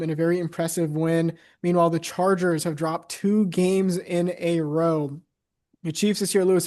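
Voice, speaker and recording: A young man in casual sports-podcast talk, easygoing and loose with his fillers. His voice sits a little high. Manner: relaxed, easygoing, with filler words. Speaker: podcast co-host.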